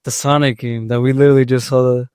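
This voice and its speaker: Young guy cohosting a podcast, kinda flat and hesitant, clean dry mic. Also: mid-range voice, fast, clean tone, no echo. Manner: hesitant, with many fillers and restarts. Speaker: podcast co-host. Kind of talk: casual chat.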